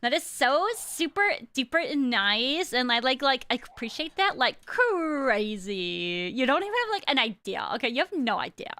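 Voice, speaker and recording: Bright high-voiced playful woman streamer. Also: sing-song, normal speed, few pauses, no echo. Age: 30s. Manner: exaggerated valley girl slang put on; playful, self-mocking. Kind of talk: casual livestream chat.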